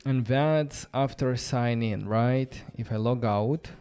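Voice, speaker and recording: Hosting a casual coding livestream, a man with a Romanian accent thinks aloud in non-native English, rambling and chatty with plenty of fillers. His mid-range voice is warm and smooth, and he speaks at a slow pace over faint background music.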